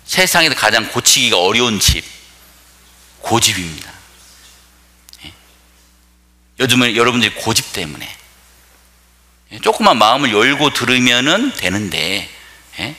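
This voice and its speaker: A male pastor preaches with a forceful, bright voice and a lively pitch. He jokes and keeps asking the audience questions. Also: moderate pace, pauses often. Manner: joking, asks the audience questions. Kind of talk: sermon.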